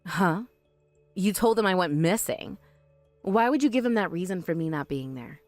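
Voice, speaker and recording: A woman voicing a calm, sharp-tongued young woman in an animated story, speaking firmly and with dry exasperation. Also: lowish voice, normal speed, dry recording, soft background music, natural voice.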